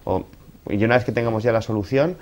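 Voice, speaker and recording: Male guest expert, lowish voice, didactic and example-led interview delivery. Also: fast talker, darkish tone. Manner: didactic, explains through examples. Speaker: expert guest giving relationship advice. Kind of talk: explanatory interview talk.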